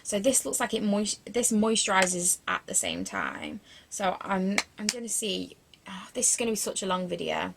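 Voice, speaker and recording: A young woman in her twenties talks through a beauty haul in a rambling, casual way. Her voice has a noticeable creaky fry, and she fills gaps with ums and self-deprecating jokes. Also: medium pitch, huge pitch swings, moderate pace, hardly any pauses, noisy background. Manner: rambling and chatty, lots of fillers and restarts. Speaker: beauty vlogger. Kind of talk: casual product review chat.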